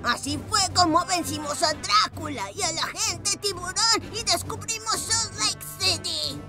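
A woman's voice: very high voice, a little slow. A woman voicing a grumpy, boastful little old granny in a cartoon dub. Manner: crotchety, boastful old-timer. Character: grumpy tough little old granny telling tall tales. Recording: loud music behind the voice.

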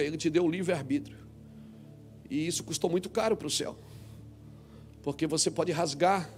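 A Brazilian man preaching a sermon as a pastor, dramatic, swinging between quiet and loud. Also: fairly high pitch. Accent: Brazilian Portuguese.

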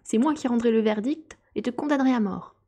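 Storybook cur, sly and bossy, firm and mellow, read by a woman. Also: fairly high pitch, fairly quick, husky. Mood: domineering. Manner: pompous and domineering.

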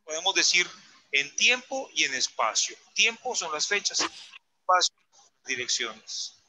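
Guy teaching mandarin online, higher voice, really bright and sharp, patient with corrections. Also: very animated, a little slow, rough recording. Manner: patient, corrects pronunciation step by step. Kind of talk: online language lesson.

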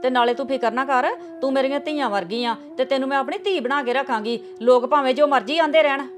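A woman's voice: high voice, fast, lightly acted. A middle-aged actress playing a sweet-talking, scheming mother-in-law in a coaxing, motherly manner. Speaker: actor. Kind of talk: web series drama acting.

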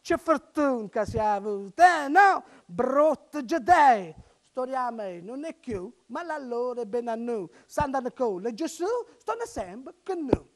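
Woman storyteller, Bari dialect, high bright register, theatrical recital. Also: lively intonation, unhurried. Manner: dramatic storytelling with sudden loud outbursts.

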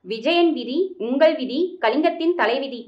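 A woman's voice: sits high, unhurried, a little mellow, lo-fi sound. A woman voicing a scheming, menacing man in a story reading, talking sternly and threateningly. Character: scheming menacing male kidnapper, grown man.

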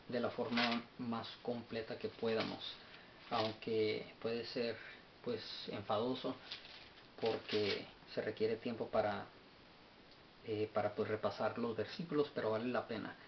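Lowish halting man teaching Bible study. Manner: halting, repeats words while searching notes. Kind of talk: unscripted Bible study talk. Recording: dull lo-fi sound with faint hiss.

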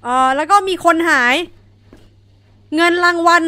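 A woman's voice: extremely high pitch, unhurried, sharp tone. A young woman streaming a horror game, chatting along and swearing when startled. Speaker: VTuber streamer. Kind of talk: horror game let's play.

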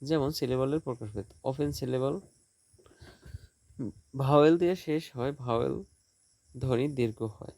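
A male teacher giving a school lesson, sounding out example words slowly, with a Bangladeshi Bengali accent. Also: medium pitch, darkish tone. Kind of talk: classroom lesson for school students.

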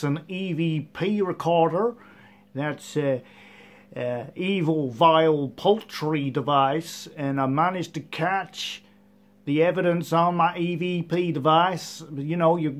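A man's voice: a little high, slow pace. A man playing an earnest ghost hunter in a parody news interview, rambling, hesitant and repeating himself. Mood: earnest, insistent. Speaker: paranormal investigator guest. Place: TV studio couch.

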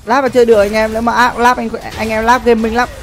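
A man's voice: extremely high pitch, flat delivery, fast, soft background music. A young man chatting casually on a gaming livestream, slangy and sweary, often repeating his phrases. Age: young adult. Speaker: livestream gamer. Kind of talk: casual livestream chat with game commentary. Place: indoor streaming setup.

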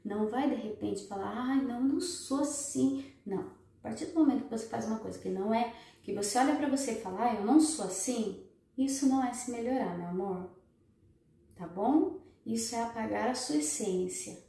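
A woman's voice: a little high, fairly quick, gravelly, mellow. A woman giving emphatic, repetitive relationship advice straight to her viewers. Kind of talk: motivational advice talk to viewers. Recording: very echoey room, far from the mic.

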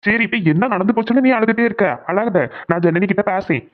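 A woman's voice: mid-range voice, quick pace, narrow, tinny audio, lightly acted. A woman doing a sensible cartoon big brother. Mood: advising. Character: calm, sensible elder brother. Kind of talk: cartoon voice acting.

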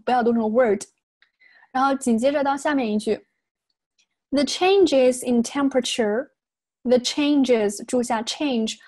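Slightly high-voiced female pronunciation tutor. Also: a little mellow. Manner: patient, drills words slowly and repeats them. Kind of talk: exam prep lesson, explaining in Chinese.

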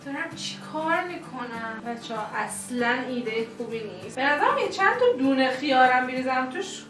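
High-voiced woman vlogging, giggly. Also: animated. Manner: playful, giggly, talks to camera audience. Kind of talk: casual vlog chat to viewers. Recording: roomy, distant mic, background music.

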